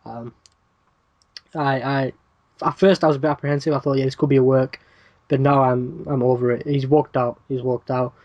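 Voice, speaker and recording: A man's voice: medium pitch, fairly even intonation, moderate pace, dry recording, lo-fi sound. A man hosting a wrestling podcast, reading news items in a casual rundown with dry asides and plenty of "uh" fillers.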